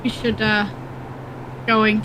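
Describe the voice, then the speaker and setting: A woman's voice: medium pitch, monotone, takes it slowly. A woman playing a tabletop game, chatting casually and a little hesitantly as her character. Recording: clear background noise.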